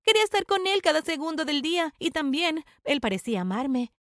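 Brief: young female narrator, first-person confessional drama, high and bright. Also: big pitch swings, brisk, dry recording, clean studio sound.

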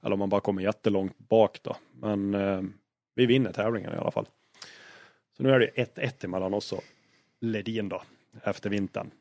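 Low-voiced guy, rally co-driver telling stories, swears a lot, dry close sound. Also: no echo. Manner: lively storyteller, swears freely, acts out quarrels. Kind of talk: casual anecdote telling in an interview.

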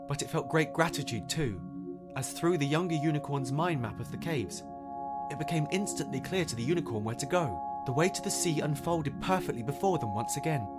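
A man who hosts a podcast, calmly narrating a fairy tale in a measured storytelling voice. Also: a little high. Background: music.

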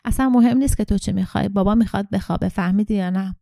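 A woman voicing a weary young mother in an audiobook story, speaking softly but firmly. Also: medium pitch, little pitch movement, dry recording, clean studio sound, natural voice. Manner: soft but firm.

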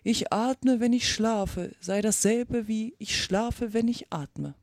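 A woman voicing a drowsy little dormouse who talks slowly and sleepily, in a read-aloud storybook with a dry sound. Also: on the high side, a little mellow, no echo. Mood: sleepy. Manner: sleepy, slow.

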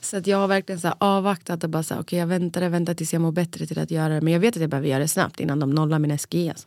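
A woman's voice: sits low, dry recording. A woman co-hosting a podcast in casual chat, telling stories animatedly and acting out the people in them. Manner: animated storytelling, acting out dialogue. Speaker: podcast co-host.

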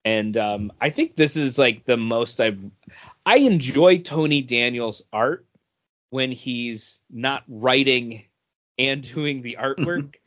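A male podcast co-host speaks slowly in a medium-pitched, fairly bright voice with lively intonation. He casually rambles through a comic book review, echoing his own phrases as he thinks. The podcast audio is lo-fi and dull.

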